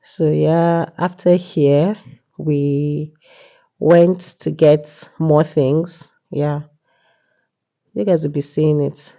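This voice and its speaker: A woman from Nigeria with a cold chats through a casual market vlog, her voice congested and her speech full of "yeah" and "you know." She speaks extremely slowly in a deep, mellow voice with vocal fry and fairly even intonation. The audio sounds dull.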